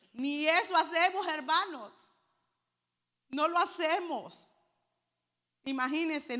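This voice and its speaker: A woman's voice: high-pitched, sharp tone. A woman preacher delivering a sermon to her congregation, calling them brothers and explaining Hebrew words for holy. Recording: hall reverb.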